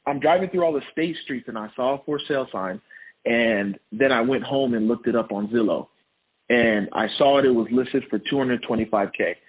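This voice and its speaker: A man's voice: mid-range voice, brisk, slightly rough. A man from Honduras, a podcast guest, chatting casually and laughing often as he tells his story. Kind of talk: casual interview chat. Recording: tinny phone-like line.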